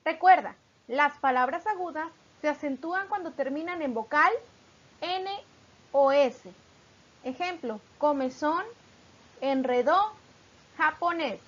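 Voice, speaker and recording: Woman, high voice, patient teacher, slow drawn-out examples, muffled lo-fi sound. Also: fairly bright tone. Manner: patient, stretches out syllables and verses when reading examples. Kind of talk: explaining poetry metrics in a lesson.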